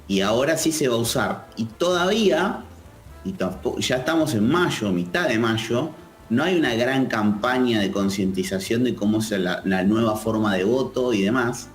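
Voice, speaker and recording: A man with an Argentine accent, a political analyst answering interview questions in a measured, thoughtful way. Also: medium pitch, expressive, roomy sound, faint music behind. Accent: Argentine Spanish. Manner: measured, thoughtful, with frequent restarts.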